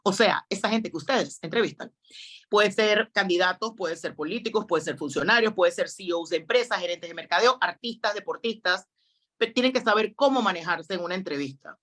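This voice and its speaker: A middle-aged woman, a guest on a talk show, telling her stories in an expressive, quick, anecdotal way. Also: medium pitch. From Panama. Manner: expressive, quick anecdotal delivery with acted quotes. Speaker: guest, public speaking trainer. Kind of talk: animated storytelling in a talk show interview.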